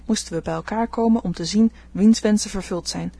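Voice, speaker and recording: A woman's voice: mid-range voice, brisk, vocal fry, dark tone, husky. Woman reading Jo, an outspoken teenage girl. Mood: eager. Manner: eager, outspoken. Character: bold, restless teenage girl dreaming of fame. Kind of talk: audiobook dialogue reading.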